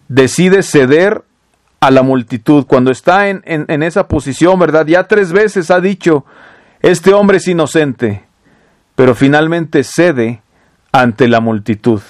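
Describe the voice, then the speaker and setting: A man's voice: on the high side, no room sound. A man preaching a sermon, reading scripture aloud and explaining it with rhetorical questions. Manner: reads verses then explains with rhetorical questions.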